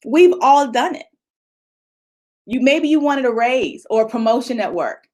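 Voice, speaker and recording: A woman coach with a slightly raised pitch gives an energetic, conversational motivational talk over a video call. She slips into the voices of everyday people and stops to answer her viewers. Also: measured pace. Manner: conversational and animated, acting out people's inner voices; reads out and answers audience comments. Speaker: motivational coach leading a retreat session.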